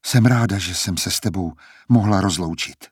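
A man's voice: deep voice, slightly rough, dry recording, studio quality. A man reading aloud, voicing a frightened young woman singer who is anxious and pleading. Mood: resolved.

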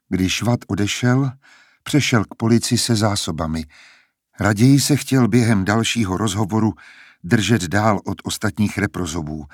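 A man narrating a novel as an audiobook in a steady, even storytelling manner. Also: lowish voice, no room sound, studio quality. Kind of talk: scripted narration.

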